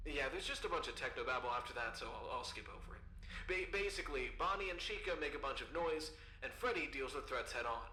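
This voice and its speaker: A man's voice: mid-range voice, lively intonation, fast talker, bright, forceful tone. Awkward, dutiful pizzeria manager for a game phone message played by a man, wry asides, roomy and noisy. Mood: wry, apologetic. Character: awkward, chatty male pizzeria manager on voicemail.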